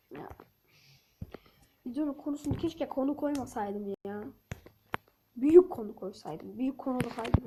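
A woman with a high, bright-sitting voice chats playfully to her viewers while she plays, swinging quickly between excitement and teasing complaints. Faint background noise runs under her casual gameplay commentary. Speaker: gaming channel host.

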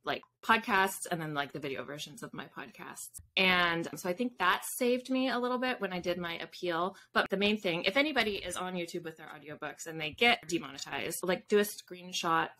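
A woman in her thirties, an author, talks as a podcast guest over a video call from a small room at home with bookshelves, explaining things casually and informally. Her voice is on the low side, bright and forceful, a little fast with few pauses, with faint background noise.

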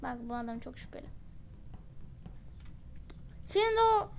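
A woman doing live gameplay commentary as a channel host, quick-tempered and exasperated, in slangy talk aimed straight at her viewers and teammates. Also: sits high, big pitch swings, vocal fry.

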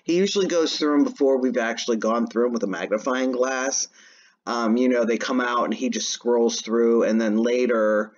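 Hosting his own channel, a man talks through a screen share at a moderate pace in a medium-pitched voice, rambling chattily with frequent "um" and "anyways." The recording has its highs cut off.

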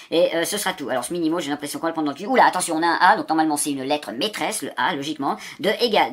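Fast-talking, foul-mouthed man vlogging. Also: on the high side, fairly bright tone. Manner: rapid, chatty, crude swearing, self-mocking. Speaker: vlogger scratching lottery tickets. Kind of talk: casual commentary on camera.

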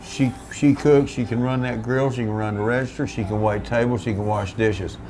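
Seated in a small back room with a camera in front of him, an older restaurant owner relaxedly recounts his family's restaurant history, rambling in a folksy way and restarting sentences. His mid-range voice is steady, moderately paced and a little mellow, with slight hiss or hum.

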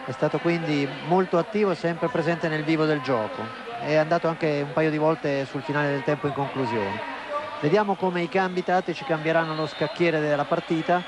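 A man working as a football co-commentator, explaining tactics live in measured, full sentences. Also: on the high side. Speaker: football co-commentator, former coach. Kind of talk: live tactical match analysis. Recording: very noisy outdoor stadium broadcast.

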